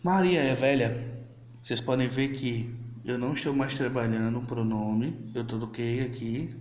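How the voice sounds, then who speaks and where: A man with a Brazilian Portuguese accent teaching English in a recorded video lesson. He explains step by step, checks in with his students often, and says the English example sentences slowly and clearly. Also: medium pitch, steady tone, a little mellow, roomy sound.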